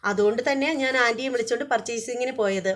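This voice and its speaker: A woman's voice: a little high, racing, fairly bright tone, natural voice. A woman voicing a trusting, cheerful young woman who talks in an eager, agreeable way.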